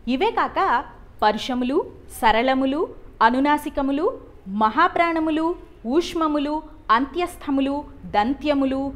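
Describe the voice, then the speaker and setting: High-voiced woman giving a teacherly speech. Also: a little slow, pauses often. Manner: warm teacherly, asks the audience to repeat words. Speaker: speaker addressing a Telugu cultural event. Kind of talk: prepared speech with sung song.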